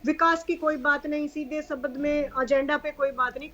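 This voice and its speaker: Indignant woman, high voice. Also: steady tone, moderate pace, pushed and bright, dull audio. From Haryana, India. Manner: indignant, emphatic critique. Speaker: interview guest. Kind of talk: remote interview over a call.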